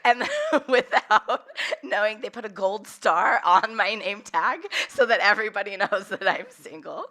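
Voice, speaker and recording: A workshop leader from California's Central Valley tells a personal story in a hoarse, slightly cracky voice, still recovering from having lost it. Her mid-range voice moves a little slowly, and her storytelling is warm and open, punctuated by frequent laughter.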